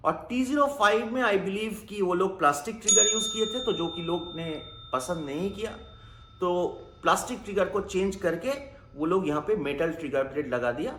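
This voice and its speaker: A man with a high voice walks through an air rifle's trigger mechanism in a patient, explanatory way. He mixes English technical terms into his talk. His voice rings in an echoey room. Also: a bit bright. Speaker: air gun reviewer. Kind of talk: technical product review.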